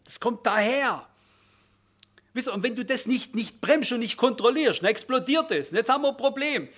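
A man preaching a sermon, emphatic, rising loud and dropping low as he reels off lists. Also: expressive, moderate pace.

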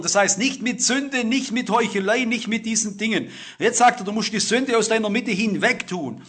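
Middle-aged guy preaching, high bright voice with a husky edge, punchy stresses then quiet asides. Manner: emphatic, swings between loud stress and low asides. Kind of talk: sermon.

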